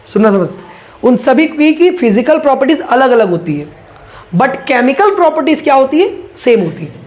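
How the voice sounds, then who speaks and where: High-voiced man teaching chemistry. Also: a little mellow. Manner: asks rhetorical questions and answers them himself; repeats key points for emphasis. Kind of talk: casual classroom lecture.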